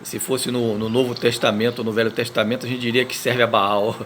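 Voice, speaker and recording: A male pastor with a Brazilian Portuguese accent gives a daily Bible reading commentary, talking haltingly with many fillers, restarts and tag questions. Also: medium pitch, little pitch movement, noisy background.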